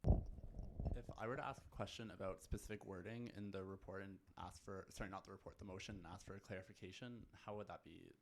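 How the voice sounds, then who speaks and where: Rambling low-voiced councillor with faint noise. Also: male voice, steady tone, a little fast. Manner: rambling, restarts his questions. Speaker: student councillor asking questions.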